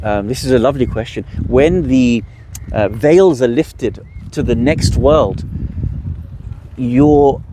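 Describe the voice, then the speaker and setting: A man speaks slowly at medium pitch, with background noise, in an explanatory talk at a religious workshop. He walks the audience through rules, asking them rhetorical questions before supplying the answers.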